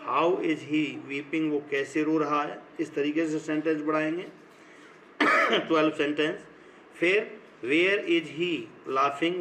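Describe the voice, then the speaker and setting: A middle-aged Indian-accented male teacher talks a class through a grammar lesson. He speaks very slowly, in deliberate dictation-like phrases, and his voice sits a little high for a man. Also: bright, forceful tone, slight background noise, low-quality recording. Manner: slow, deliberate, dictation-like; switches between English and Hindi. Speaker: school teacher.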